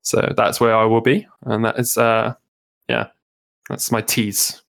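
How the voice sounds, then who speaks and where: A man's voice: lowish voice, fairly even intonation, unhurried, creaky, a bit bright. A man, a guest esports caster, talking casually at length in a podcast interview, often restarting his sentences. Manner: chatty, explains at length with many restarts.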